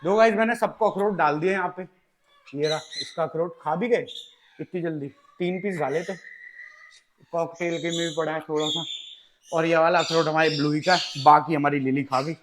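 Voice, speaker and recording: Male pet vlogger, high register, playful scolding tone, noisy bird room. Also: steady tone, normal speed. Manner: chatty, scolds and coaxes his birds playfully. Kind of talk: casual home vlog. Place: at home among pet birds. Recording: noisy with bird squawks behind.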